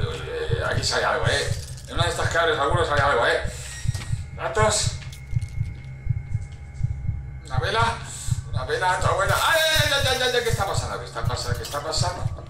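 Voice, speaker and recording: Recorded far from the mic in a reverberant room with background noise, a high-voiced man commentates a horror game. He's a gaming YouTuber with a Spanish accent from Spain, swearing heavily, chattering nervously and yelping at each scare.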